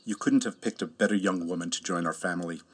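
A man's voice: low voice, fairly even intonation, fast talker, husky. A man playing a proud, kindly middle-aged father of the groom in a naturalistic drama. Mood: proud, tender. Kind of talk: naturalistic found-footage drama acting.

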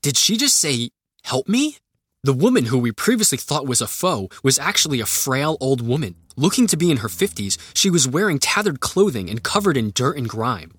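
An actor playing an earnest adventurer who narrates a tense audio drama in the first person. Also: male voice, mid-range voice, sing-song, moderate pace, fairly bright tone, breathy edge, no echo. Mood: grave. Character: earnest male adventurer recounting a tense story. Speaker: narrator and lead character.

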